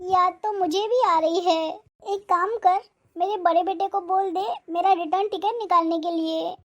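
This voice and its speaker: A voice actor playing an aging village mother-in-law in an animated moral story, who scolds and then turns tearful and apologetic. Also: extremely high pitch, unhurried, highs cut off. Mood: affectionate. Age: older.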